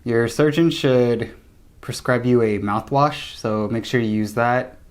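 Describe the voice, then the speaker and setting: A young man talking casually to camera in a low-key, conversational way, sharing tips as a vlogger. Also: measured pace, clean tone. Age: young adult. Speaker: vlogger giving recovery tips. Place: small room indoors, seated at a table.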